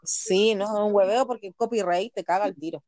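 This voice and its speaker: A Chilean woman co-hosting a podcast in casual chat, excitable and teasing, laughing often. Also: mid-range voice, fairly quick, no room sound. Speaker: podcast co-host.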